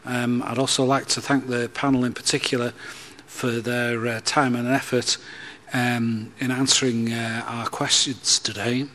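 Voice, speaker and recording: A man chairing a conference panel, soft-spoken and filler-heavy, as he closes the session. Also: mid-range voice, flat delivery, measured pace. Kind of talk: moderating a panel. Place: conference hall.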